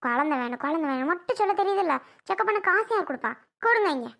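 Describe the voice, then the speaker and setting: A woman's voice: very high voice, expressive, fast talker, vocal fry, a bit bright. A woman acting a bossy, scolding sister-in-law in a comic family skit. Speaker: skit performer.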